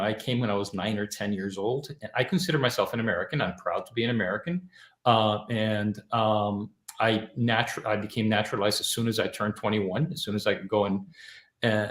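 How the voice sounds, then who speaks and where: Reflective man from Cuba, echoey room. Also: on the low side. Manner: relaxed, reflective, many fillers and pauses. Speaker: guest author and teacher. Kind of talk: casual interview chat.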